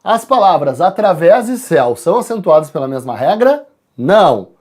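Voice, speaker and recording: A teacher from Brazil goes through exam answers with his students, calling out letters and speaking to the class directly. His voice is fairly high and his pace moderate, with a lively manner as he spells out each letter.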